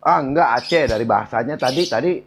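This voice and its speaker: A man's voice: medium pitch, lively intonation, fast. A man from the congregation bantering with the preacher, playful and insistent. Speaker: congregation member. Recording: loud crowd and noise behind.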